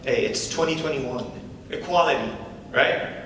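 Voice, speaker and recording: Reading a script on stage, a young man portrays a cocky, flippant comedian in a natural, mid-range voice that runs a little slow. He keeps it chatty with rhetorical tag questions, and the recording comes from a distance in an echoey hall, with light background noise.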